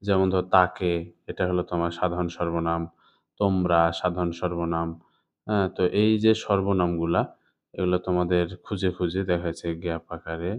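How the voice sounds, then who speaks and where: A low-pitched man with a Bangladeshi Bengali accent teaches a class an exam suggestion lesson, explaining step by step and often asking "ঠিক আছে?" to check that students follow. He writes while he talks, and the lo-fi sound is slightly dull.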